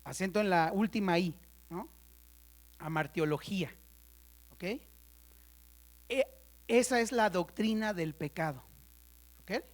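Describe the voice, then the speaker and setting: Woman teaching a church Bible class. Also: medium pitch. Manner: conversational, checks in with the class often; playful asides, spells out terms slowly for note-takers.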